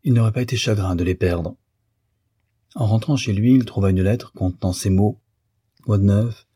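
A man reading a classic novel aloud in measured, even narration. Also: on the low side, husky, no room sound, studio quality. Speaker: audiobook reader.

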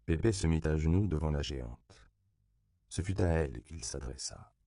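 A man reading a novel aloud as a narrator, at a measured, even pace. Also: rumbling low, gravelly, no echo, studio quality. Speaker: audiobook narrator. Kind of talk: scripted narration.

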